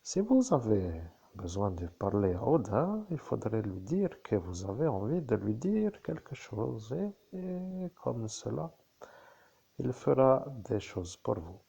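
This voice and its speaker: A man gives a channeled spiritual talk in a dark, husky voice, his pitch rising and falling widely. He speaks slowly in halting, repetitive phrases, and the recording sounds dull and lo-fi. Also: very animated. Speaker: medium.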